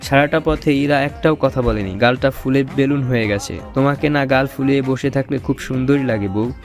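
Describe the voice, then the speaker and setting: A man's voice: medium pitch, moderate pace, soft background music. A young man narrating an audio romance story in first person, playful and teasing. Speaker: narrator and lead voice actor.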